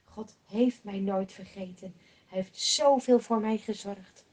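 Hushed, humble old king from a Bible story, as a breathy woman narrator puts him on, slow and soft. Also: mid-range voice, steady tone, close to an everyday voice. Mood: prayerful.

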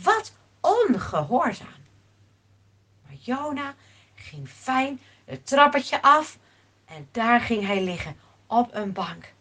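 A woman telling a children's Bible story in an expressive, dramatic way, moving between hushed and loud. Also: on the high side, slow pace, pauses often, slightly rough.

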